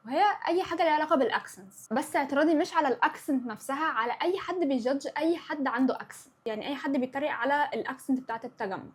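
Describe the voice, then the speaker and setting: A woman's voice: sits high, racing, hardly any pauses. A young woman in her twenties with an Egyptian Arabic accent, hosting a casual chat podcast, chatty and opinionated, slipping English words into her talk. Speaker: podcast host.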